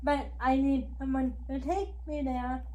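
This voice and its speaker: A woman with a high voice hosts a casual interview and speaks slowly and haltingly. She often chimes in with "right" and "yeah" between her own stories. Her delivery is unhurried and plain. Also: level tone, dark tone, rough recording. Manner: frequent short agreements, slow and halting. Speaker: host.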